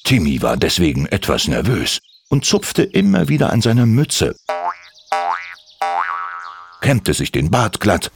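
A man reading a children's story aloud with a very expressive delivery. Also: a bass voice, vocal fry, a little hiss or hum. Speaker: narrator.

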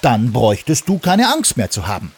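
Small girl in a storybook, hesitant and stammering, lively pitch; male narrator voices her. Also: moderate pace, breathy edge, heavily acted. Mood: earnest. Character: timid but brave little girl.

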